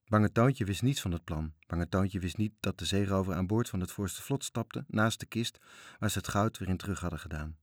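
A man's voice: low-pitched, normal speed, no echo, studio quality. A man reading a children's story aloud, expressively, voicing the characters. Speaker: narrator.

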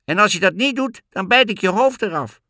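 A man's voice: lively intonation, fairly quick, sharp tone, dry recording, clean studio sound. A man voicing a cunning, bossy talking cat in boots in a storybook reading. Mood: threatening. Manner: high, pushy, commanding.

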